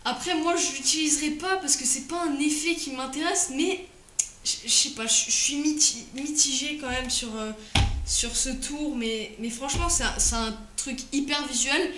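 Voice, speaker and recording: A woman's voice: high-pitched, normal speed, bright, forceful tone. A woman casually reviewing a product on camera, hesitant, with frequent fillers and restarts. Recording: roomy echo, faint noise.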